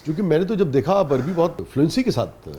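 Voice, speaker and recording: A man's voice: a little high, lively intonation, warm tone, a little hiss or hum. A man with a Pakistani Urdu accent hosting a talk show, affirming his guest often and asking questions with admiration. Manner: attentive, frequent affirming murmurs, admiring.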